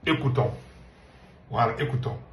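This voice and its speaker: A man's voice: mid-range voice, moderate pace, fairly bright tone, roomy sound, slight background noise. A man hosting an online political news channel, talking to viewers in an emphatic, urgent way and repeating himself. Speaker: political commentator and channel host. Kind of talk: excited online news commentary.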